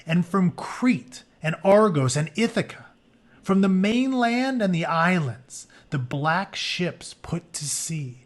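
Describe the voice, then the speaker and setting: This teacher's voice is fairly high and a bit bright as he reads a book aloud to teach. Between stretches of narration he offers informal, conversational explanations.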